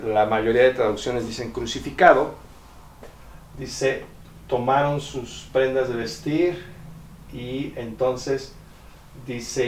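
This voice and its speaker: A man giving a Bible lecture. He explains step by step, often checks in with his listeners, and slowly sounds out ancient Greek terms. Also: medium pitch. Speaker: Bible teacher. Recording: roomy echo, distant mic.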